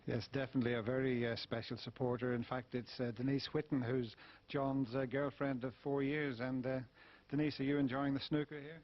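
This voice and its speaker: Fast-talking male sports interviewer. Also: mid-range voice, level tone. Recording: dull 1990s TV broadcast, noisy.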